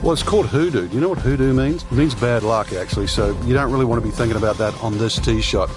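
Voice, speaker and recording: A man's voice: mid-range voice, fast, over music, lightly acted. A man as a golf commentator giving chatty, explanatory colour analysis. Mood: relaxed, explanatory. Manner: conversational, explanatory.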